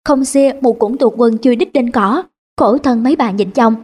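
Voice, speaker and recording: A woman's voice: on the high side, moderate pace, darkish tone, breathy edge. A woman voicing a grinning young village man, teasing and scornful. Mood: mocking.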